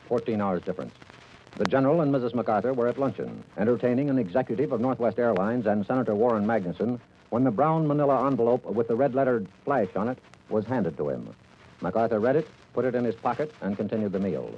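A man's voice: medium pitch, animated, a little hiss or hum. Dull vintage recording, old newsreel-style male narrator. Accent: American. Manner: measured, formal, dramatic delivery. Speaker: news narrator. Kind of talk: scripted documentary news narration in the manner of an old newsreel.

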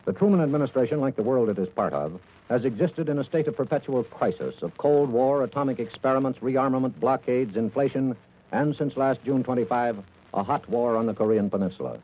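An American man narrating news in a formal, measured, dramatic old newsreel manner. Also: mid-range voice, husky. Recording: dull, noisy vintage radio recording.

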